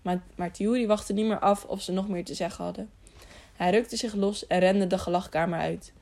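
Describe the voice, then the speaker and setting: Woman narrator, steady storytelling, mellow tone with a gravelly edge. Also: mid-range voice, moderate pace. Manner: steady storytelling, slight stumbles. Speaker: audiobook narrator. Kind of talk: scripted narration.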